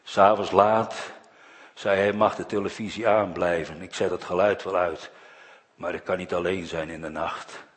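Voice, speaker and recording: A man preaching a sermon in a church, earnest, with phrase endings that drop to a soft, quiet close. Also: deep voice, steady tone, moderate pace, in a large hall.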